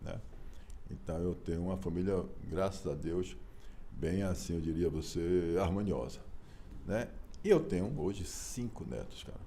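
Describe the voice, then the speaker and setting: A Brazilian man in his sixties, an author being interviewed, talking in an animated, emphatic way with rhetorical questions. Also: sits low, normal speed, a little hiss or hum. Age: 60s. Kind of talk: casual conversational interview.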